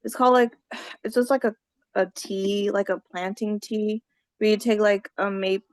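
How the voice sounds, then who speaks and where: A woman's voice: mid-range voice, fairly even intonation, moderate pace, dry recording. A woman co-hosting a casual online gathering, rambling and searching for words over a video call. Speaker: gathering co-host.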